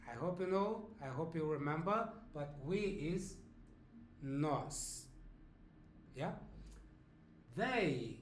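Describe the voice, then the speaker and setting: Slow, clear-spoken male language teacher. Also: high voice, echoey room. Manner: slow, clear teaching with frequent check-ins. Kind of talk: online language lesson.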